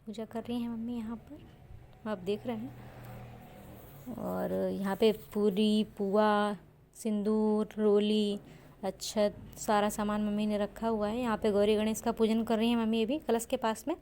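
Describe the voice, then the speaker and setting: A young adult woman narrating her vlog in a soft, chatty voice-over. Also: mid-range voice, flat delivery, a little slow, a little hiss or hum. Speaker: vlogger.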